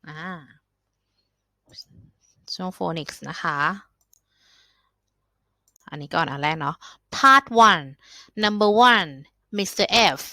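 A woman teacher explaining homework, modelling short English answers slowly and carefully with polite particles. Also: fairly low pitch, animated, bright, forceful tone, no room sound. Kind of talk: explaining how to record homework.

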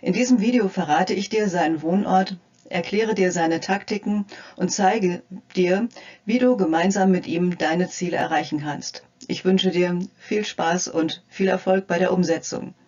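An older woman, a psychotherapist and health coach, narrating a scripted lesson in a friendly, gently playful way, addressing the viewer directly. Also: fairly low pitch, moderate pace, dull audio.

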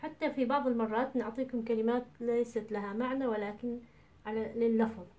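A woman teacher with an Iraqi Arabic accent, explaining vowel sounds in Arabic and English and repeating each example word slowly and deliberately. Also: a little high, fairly even intonation, a little mellow, lo-fi sound. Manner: slow, deliberate, repeats example words one by one.

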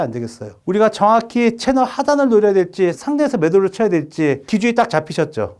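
A man teaching a trading lesson over charts in a brisk, coaching way, often asking the viewers questions. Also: high-pitched, a little mellow. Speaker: trading instructor. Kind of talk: screen-recorded chart lesson.

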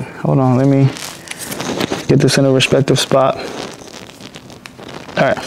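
A man's voice: medium pitch, darkish tone, a little hiss or hum. A young man casually talking through a DIY car repair as he works, laid-back and swearing now and then. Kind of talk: casual hands-on narration.

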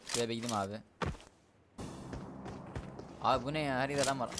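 A young man giving live commentary on a shooter game, excitable, shouting and muttering at enemies. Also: medium pitch, brisk, very noisy. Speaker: gamer streamer. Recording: loud gunfire over the voice. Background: game gunfire and vehicles.

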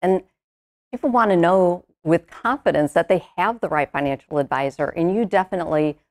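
Low-voiced woman hosting a finance show. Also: brisk, a little mellow. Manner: enthusiastic, praising. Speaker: TV show host and ad announcer. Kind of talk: upbeat ad read and studio interview.

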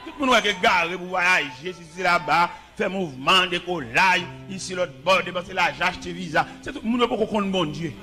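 A man preaching a sermon, impassioned, now and then breaking into shouts and short sung lines. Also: sits high, moderate pace, few pauses, faint music behind.

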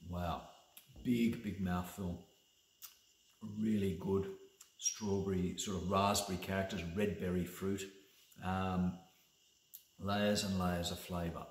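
A middle-aged man with a very low voice presents a wine tasting in a relaxed, chatty way. He rambles happily and fills his pauses with ums and uhs, and his voice bounces around a roomy, echoey space. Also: a little hiss or hum. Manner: rambling, enthusiastic with many fillers. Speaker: winemaker. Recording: echoey room.

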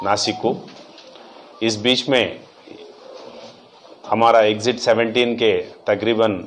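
A man's voice: lowish voice, slight background noise. A man, a police officer giving a plain, matter-of-fact statement at a press meet. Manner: plain matter-of-fact recounting with loose grammar.

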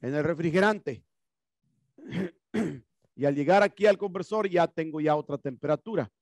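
Wearing a headset mic, a male HVAC instructor in his thirties lectures in a classroom with a whiteboard and HVAC gear, explaining and answering questions he raises himself. His voice is a little high, creaky and darkish, at a measured pace. The recording is studio quality with no echo.

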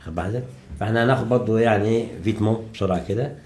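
A man's voice: lowish voice, dark tone, slight background noise. Egyptian guy teaching french, takes his time, lots of ums, echoey room. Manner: slow, deliberate, with many drawn-out fillers. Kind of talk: bilingual classroom lesson.

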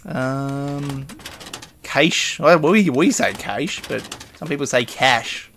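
Man, gaming commentary, rambling, gravelly, faint hiss behind. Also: a little high, slow pace, fairly bright tone. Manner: chatty, rambling, mutters item names and laughs to himself. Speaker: gaming video host. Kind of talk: casual gameplay commentary.

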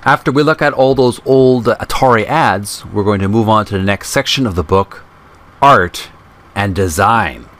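This man hosts a channel where he narrates a book and chats politely with listeners, occasionally misspeaking and then correcting it. He speaks at a moderate pace in a lowish voice with a fairly bright tone, while music plays underneath.

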